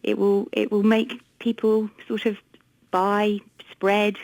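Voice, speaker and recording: A woman with an English accent talking as a research director on a radio interview, brisk, wry and explanatory. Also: medium pitch, level tone, a little mellow, no room sound, rough recording. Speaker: consumer research director, studio guest. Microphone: studio microphone.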